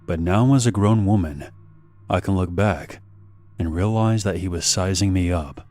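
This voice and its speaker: Deep-voiced man narrating a horror story. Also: normal speed, darkish tone, slight background noise.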